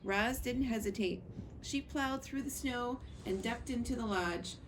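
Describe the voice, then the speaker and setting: A woman with a slightly high voice reads a children's story aloud at a measured pace, the way a librarian would. She's recorded on a screened porch, and the outdoor background noise comes through clearly.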